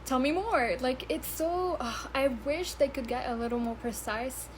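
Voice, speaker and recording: A woman in her twenties rambles casually on her vlog, giggling, swearing, and tripping over words in English, which is her third language after two others. Her voice is high and a little slow, with a faint hiss or hum in the audio.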